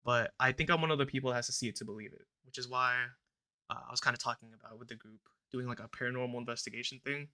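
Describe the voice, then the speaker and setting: A young man in his twenties hosts a relaxed podcast among friends, his voice bright and clear. He talks loosely and rambles, scattering ums and uhs as he steers the chat. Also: mid-range voice, racing. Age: young adult. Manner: relaxed, rambling, filler-heavy, recites a prayer. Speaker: podcast host.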